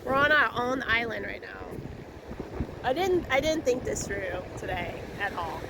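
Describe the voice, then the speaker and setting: Woman vlogger on a phone outdoors; high, animated, bubbly voice, heavy wind noise. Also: unhurried, creaky. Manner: excitable, laughs often, shrieks at cold water. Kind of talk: casual vlog chat. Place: outdoors on a windy winter beach.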